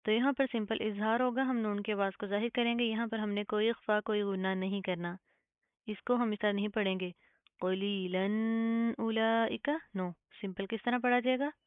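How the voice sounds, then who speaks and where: A woman teaching Quran recitation step by step, explaining each rule patiently, checking in often, and slowly sounding out each example word. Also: mid-range voice, fairly even intonation, clear, resonant tone, dry recording, phone-quality sound. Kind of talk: step-by-step tajweed lesson.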